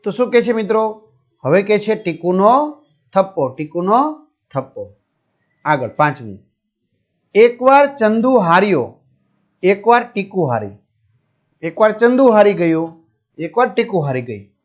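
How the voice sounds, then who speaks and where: Man, teacher, reading a lesson aloud, repeats lines, asks questions, high-pitched, muffled lo-fi recording. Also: very animated, a little slow, long pauses. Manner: repeats each line, asks the pupils questions. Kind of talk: reading and explaining a school lesson.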